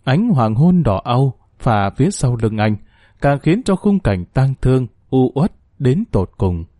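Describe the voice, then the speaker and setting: Man narrating a ghost story, dark dry voice. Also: medium pitch, sing-song, a little slow, dry recording.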